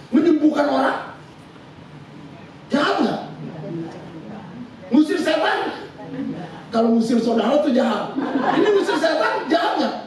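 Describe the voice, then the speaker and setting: A male preacher delivers a lively sermon, laughing often and acting out quotes in slang. His pitch swings widely. He is heard from far off in an echoey, noisy church hall.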